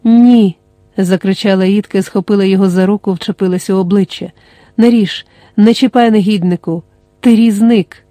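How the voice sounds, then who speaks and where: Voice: mid-range voice, flat delivery, fast talker, warm tone, no room sound, lightly acted. An audiobook reader voicing a desperate mother who shrieks and pleads, heard in a dry, close recording. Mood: shrieking. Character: frantic desperate village mother.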